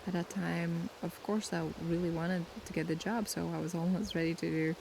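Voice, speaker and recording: A young woman from Latvia, native in Latvian, runs a casual ASMR Q&A, speaking softly, slowly and thoughtfully with pauses as she reaches for words. Her fairly low-pitched voice stays flat and level, gravelly with fry, over the steady sound of sea waves outdoors.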